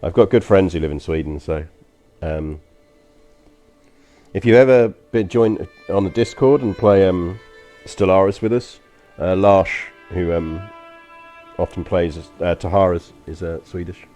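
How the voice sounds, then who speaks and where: A deep-voiced man with a London accent muses to his stream chat while playing a strategy game, his tone mellow and unhurried. His sentences ramble chattily, full of ums and uhs, with faint music behind.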